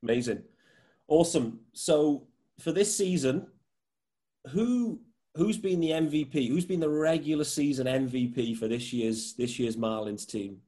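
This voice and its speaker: A man's voice: on the high side, unhurried, warm tone. Upbeat British man hosting a podcast. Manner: upbeat, enthusiastic interviewer. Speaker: podcast host. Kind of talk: casual podcast chat.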